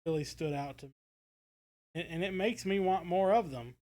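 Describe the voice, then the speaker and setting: This American co-host of a podcast has a high, somewhat mellow voice and speaks at a normal pace. His casual talk wanders in hesitant, looping phrases as he works through his thoughts.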